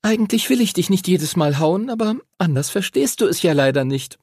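A man's voice: sits high, animated, brisk, a little mellow, husky, dry recording, clean studio sound, voice pushed up, full character voice. A man voicing a fiery, outspoken young schoolgirl who scolds her friends sharply. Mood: teasing.

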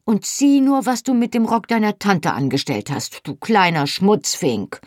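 A woman voicing a stern, brisk farm mother who scolds and gives quick orders, in an audiobook reading. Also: lowish voice, animated, dry recording, clean studio sound. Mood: scolding, urgent. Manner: sharp, commanding scolding.

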